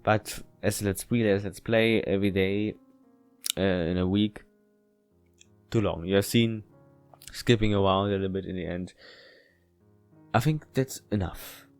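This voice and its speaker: Over soft plucked guitar music, a man with a low voice plays through a visual novel for a let's play, reading its text aloud and adding offhand remarks. His tone is steady and smooth, though his delivery halts, with stumbles and repeated words.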